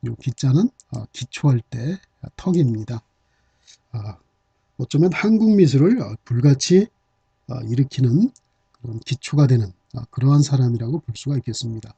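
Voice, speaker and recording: A man's voice: mid-range voice, lively intonation, moderate pace, creaky, mellow, breathy edge, dry recording. A middle-aged man teaching Chinese-character vocabulary, explaining patiently with many "ah" and "uh" fillers. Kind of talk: hanja vocabulary lesson. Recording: dull, slightly lo-fi dry recording.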